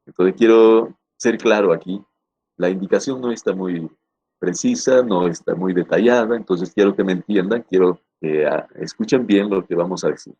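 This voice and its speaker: Low, mellow male teacher explaining grammar. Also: husky. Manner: repeats and rephrases points, asks "¿correcto?" to check understanding; deliberate, stresses key words. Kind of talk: recorded grammar lesson.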